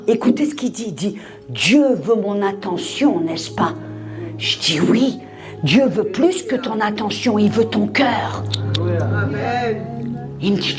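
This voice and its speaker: A woman preacher telling a testimony in a sermon, dramatic, dropping to a hush and rising to shouts. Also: mid-range voice. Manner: dramatic storytelling, swings from hushed to shouting.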